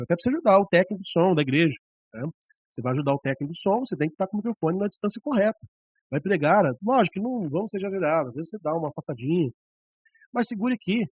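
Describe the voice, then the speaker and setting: A man's voice: sits high, darkish tone, husky, no echo. A man with a Brazilian Portuguese accent teaching preaching skills to church leaders. He talks in a conversational way and often shows the points with his own voice and the microphone on a stand. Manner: conversational, often demonstrating with voice and mic. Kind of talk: classroom lecture on preaching. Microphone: microphone on a stand, about ten centimeters away.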